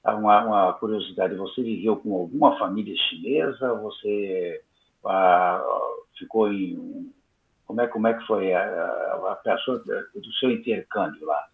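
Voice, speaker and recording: Male host, low voice, measured delivery, thin phone-quality audio. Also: creaky. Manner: measured, deliberate, with pauses. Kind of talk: conversational interview. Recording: tinny phone-like line.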